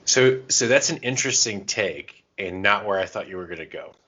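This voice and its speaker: This man co-hosts a podcast, rambling and thinking aloud in a casual chat about tabletop roleplaying and comics. His fairly low voice is expressive and sharp in tone, moving at normal speed. The recording is muffled.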